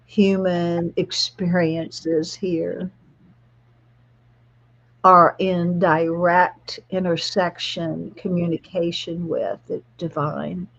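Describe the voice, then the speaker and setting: A woman spiritual guide leading a guided relaxation meditation in a soft, soothing, spa-like manner. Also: on the low side, lo-fi sound. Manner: soft, soothing, slow-paced spa-like delivery.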